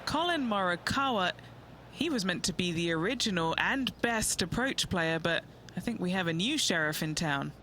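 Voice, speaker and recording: A woman's voice: fairly low pitch, expressive, normal speed, bright, forceful tone, a little hiss or hum. A woman giving golf commentary as an on-course reporter.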